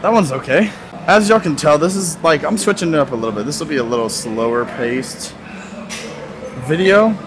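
He's a fitness vlogger in his twenties, and his slightly high voice has lively intonation at a moderate pace. Rambling and laid-back, he laughs between remarks while walking and talking through a big gym. Loud music fills the noisy background, picked up by a phone camera on a nearby tripod.

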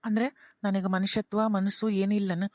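A woman's voice: medium pitch, little pitch movement, normal speed, darkish tone, dry recording, studio quality, close to an everyday voice. A woman voicing an earnest, guilt-ridden young son with a North Karnataka accent, pleading with his parents in a cartoon. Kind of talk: cartoon voice acting.

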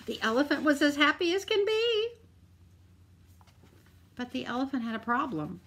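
A woman teacher reading a picture book aloud to children, expressive, with drawn-out emphasis and asides to her listeners. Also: high voice.

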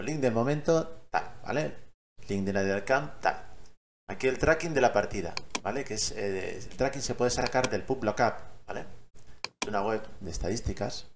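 A man's voice: mid-range voice, a little hiss or hum. A man casually walks viewers through a gaming tutorial, often checking they are following. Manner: chatty, keeps checking in with listeners. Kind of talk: casual screen-recorded tutorial.

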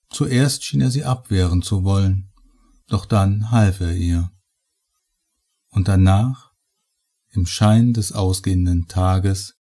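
A man narrates a horror story at a slow, measured pace. His voice is dark and low. A husky grain runs through the reading. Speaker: audiobook reader.

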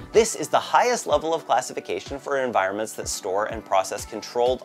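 A man in his thirties with a mid-range voice presents scripted monthly tech news from a bright home office. His delivery is lively and lightly joking.

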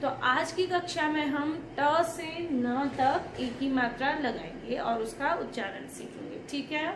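A woman's voice: sits high, measured pace, noisy background. A woman teacher giving a lesson to young children, drawing out each syllable and repeating sounds for the class to copy. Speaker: kindergarten teacher.

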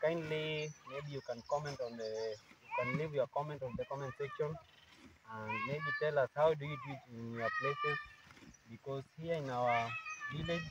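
A man's voice: mid-range voice, dull audio. A young man presenting a casual vlog outdoors on a rural farm, talking eagerly to his viewers into a phone held at arm's length. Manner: upbeat presenter, eager audience prompts. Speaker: vlogger. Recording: outdoor farm noise behind.

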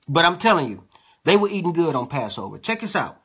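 A man's voice: on the high side, big pitch swings, fast talker, fairly bright tone, breathy edge. A man teaching a sermon as an apostle, reading scripture and explaining it in a conversational way, often checking in with his listeners. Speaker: apostle, preacher.

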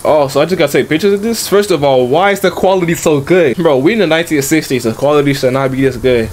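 A man giving casual let's-play commentary, talking in slang and reacting out loud to the game. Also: on the high side, fast. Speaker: gaming YouTuber.

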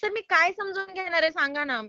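A woman's voice: very high voice, fairly quick, pushed and bright, no room sound, lo-fi sound. A woman calling to collect a loan payment, polite but insistent and exasperated. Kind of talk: phone call.

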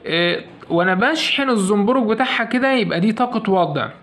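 This Egyptian Arabic-accented teacher talks fast and animatedly in a high, somewhat bright voice while explaining science to a class. Asking his own questions and supplying the answers, he keeps driving home the main points.

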